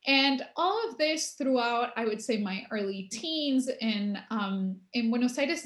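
A young woman who grew up in Argentina, a musician answering interview questions in an unhurried way with many pauses. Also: a little high. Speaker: guest musician. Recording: roomy echo.

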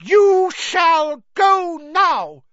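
Dobby, a shrill squeaky house elf. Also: big pitch swings, slow pace, a bit bright, heavily acted. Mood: shrill excited. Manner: speaks of himself in third person. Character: excitable male house elf servant. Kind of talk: audiobook character voice. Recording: dry, slightly dull lo-fi.

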